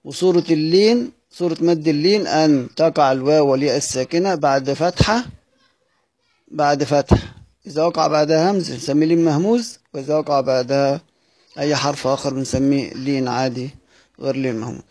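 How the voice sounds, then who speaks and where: A man teaching a live online lesson on Quran recitation. He explains step by step, asks questions and answers them himself, and chants verse lines slowly. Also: a little high, a little mellow.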